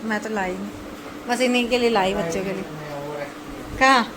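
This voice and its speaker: A woman in her thirties narrating a casual family vlog, chatting to viewers and scolding her children in sharp bursts. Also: mid-range voice, steady tone, normal speed, a crowd in the background. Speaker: vlogger mother. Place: home and outdoors in rain. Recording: phone vlog with clear background noise.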